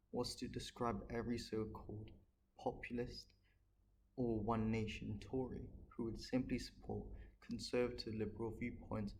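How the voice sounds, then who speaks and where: A man giving an earnest, measured political monologue, talking on his own without a script. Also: fairly low pitch, a little mellow, a little hiss or hum, low-quality recording. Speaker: political commentator. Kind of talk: unscripted solo monologue.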